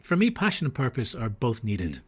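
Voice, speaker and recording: This Australian-born man, who grew up in the US and Dubai, tells stories on a podcast in a thoughtful, tentative, chatty manner. His medium-pitched voice swings widely in pitch, moves at a moderate pace and has a slightly rough edge.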